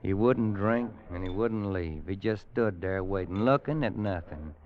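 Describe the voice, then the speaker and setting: A low-pitched, a little slow voice belongs to an actor playing a weary, worried Western man with a grim tale to tell. The folksy, grave storytelling follows 1950s American radio drama, and the mood is haunted. The old recording is muffled and has music.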